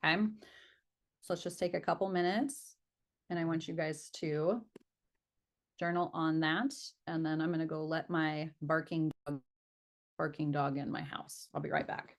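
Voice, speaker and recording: A woman's voice: low voice, steady tone, normal speed, long pauses. A woman sales coach leading a live online training session in a casual, chatty way, acting out how clients react.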